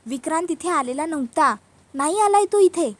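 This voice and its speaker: A woman's voice: high-pitched, lively intonation, normal speed, pitched above the performer's own voice. A woman voicing a protective young woman who soothes and reassures a frightened sister figure. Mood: urgent. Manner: soothing, reassuring, repeats comfort.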